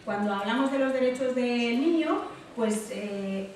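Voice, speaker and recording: This woman from Spain talks unhurriedly in a slightly high, somewhat mellow voice, giving an informal guest talk to a public audience. Her words bounce around an echoey indoor hall, recorded from afar with background noise.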